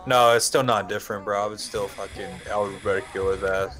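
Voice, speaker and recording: Rambling low-voiced young man. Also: fairly even intonation, quick pace, a bit bright, soft background music. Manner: rambling, full of fillers and swearing. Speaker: podcast co-host. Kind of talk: casual podcast chat.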